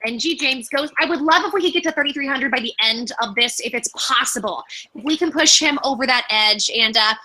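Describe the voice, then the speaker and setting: A brash woman hosting a livestream, joking and swearing freely with her guests. Her voice sits high and sounds very bright. She talks in a loose, casual chat style. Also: a little fast, rough recording. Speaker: livestream host.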